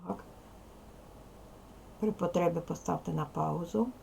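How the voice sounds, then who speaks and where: A woman's voice: lowish voice, measured pace, vocal fry, a little mellow, slight background noise, low-quality recording. A woman teacher giving a video lesson to young pupils, carefully over-pronouncing sounds and giving instructions. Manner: addresses pupils with instructions and questions. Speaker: primary school teacher. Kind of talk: video language lesson for children.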